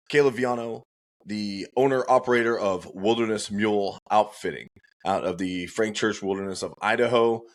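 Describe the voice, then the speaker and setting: Low-voiced male podcast host. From US West Coast. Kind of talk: podcast interview.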